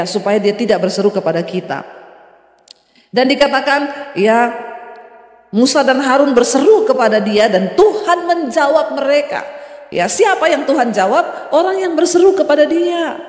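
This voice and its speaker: A woman's voice: sits high, lively intonation, moderate pace. A woman pastor preaching a sermon, emphatic and rising to exclamations, chuckling as she goes. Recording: echoey church hall reverb.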